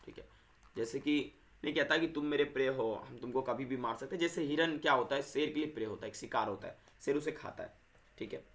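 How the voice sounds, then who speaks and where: A man's voice: medium pitch, a bit bright. Man teaching grammar, repetitive. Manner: repetitive, addresses viewers as friends; corrects himself mid-sentence. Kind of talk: explaining grammar to viewers.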